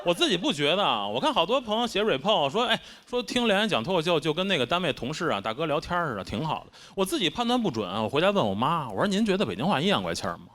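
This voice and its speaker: A man's voice: a little high, big pitch swings, quick pace, few pauses, fairly bright tone. A man with a Beijing accent doing a stand-up comedy set, wry and self-mocking in his delivery. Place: stage before a live audience. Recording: constant background noise.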